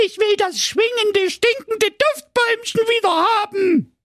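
A man's voice: very high-pitched, unhurried, fairly bright tone, dry recording, studio quality, voice pushed up. A man voicing a cold-hearted, bratty young princess in a comic fairy tale, in a snippy tone. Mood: whiny. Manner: snippy, whiny.

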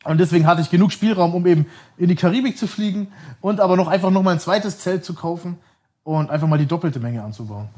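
Man, thirties, casual storytelling, rambling, laughs a lot, self-correcting, somewhat high pitch. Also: fast, warm tone, breathy edge. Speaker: guest.

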